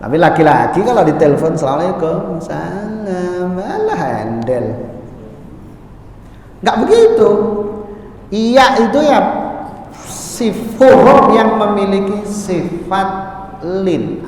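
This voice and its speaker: A man teaching Quran recitation in a mosque, moving between plain explanation and slow, melodic chanted verses. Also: high voice, darkish tone, a little hiss or hum. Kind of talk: religious lesson with chanted recitation. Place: large mosque hall. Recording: echoey mosque hall, mic far off.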